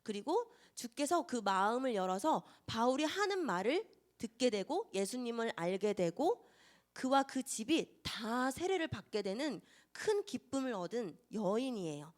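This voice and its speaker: Young woman Sunday school teacher, animated storyteller voice, quizzes the children. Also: fairly high pitch, a little slow. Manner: lively, asks children questions and acts out scenes.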